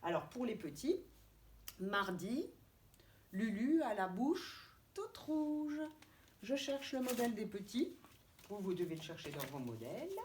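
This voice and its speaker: A woman kindergarten teacher with a French accent giving a remote lesson to young children, spelling out letters and syllables slowly and clearly. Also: mid-range voice, big pitch swings, a little mellow. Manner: slow, deliberate, stretching out syllables and letters. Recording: distant mic with faint background noise.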